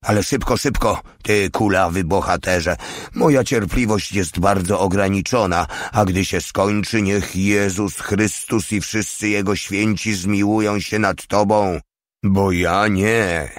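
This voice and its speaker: A man's voice: lowish voice, steady tone, unhurried, dry recording, studio quality, natural voice. A man voicing a hulking, brutal male soldier who bellows in pompous, mock-righteous outrage in an audiobook. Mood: outraged.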